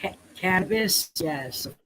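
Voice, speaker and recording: A man's voice: high-pitched, expressive, unhurried, a loud crowd, rough recording. A man from the East Coast of the US with an East Coast accent, chatting on a live stream in a playful, teasing way. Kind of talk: casual chat on a live stream.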